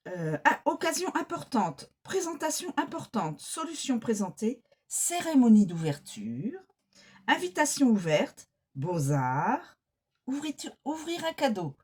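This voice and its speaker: A woman giving an unscripted card reading to her viewers. She coughs often from a frog in her throat, talks in a slow, halting way and repeats the card names as she reads their meanings. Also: high-pitched, slightly rough. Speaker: card reader.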